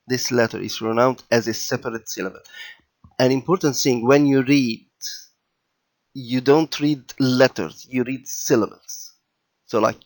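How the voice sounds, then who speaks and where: A man teaching children to read letters, patient and unhurried, often pausing with "okay" and repeating sounds slowly. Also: medium pitch. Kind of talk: slow explanatory lesson for children.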